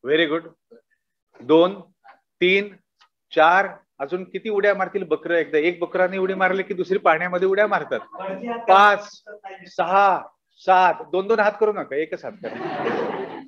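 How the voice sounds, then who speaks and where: A man's voice: high voice, a little slow, long pauses, dull audio. A man giving a motivational talk to college students, asking them questions and acting out little dialogues. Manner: animated, acts out dialogues, asks audience questions. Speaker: guest speaker. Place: college auditorium.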